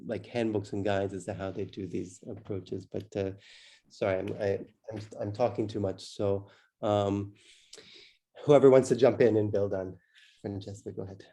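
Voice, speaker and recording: A man moderating an online panel over a video call, talking in quick restarts and handing the floor on. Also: on the low side, fairly even intonation, mellow.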